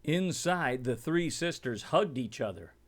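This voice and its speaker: Acting as a storybook reader, a medium-pitched man takes a children's story at a deliberate pace and gives it an expressive reading.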